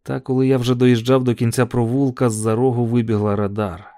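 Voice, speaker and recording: A man narrating an audiobook story in a measured, calm telling. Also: medium pitch, dry recording, clean studio sound.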